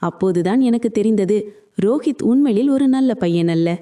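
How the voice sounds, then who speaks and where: A firm, caring middle-aged father in a spoken storybook, as a woman narrator reads him. The voice is dark and mellow, and the reading stays even. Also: fairly high pitch, moderate pace, natural voice.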